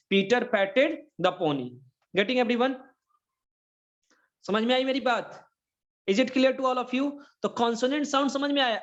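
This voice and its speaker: A man with an Indian accent and a very high voice teaches an online English grammar lesson, heard in lo-fi sound. He mixes Hindi and English and keeps asking whether students are following.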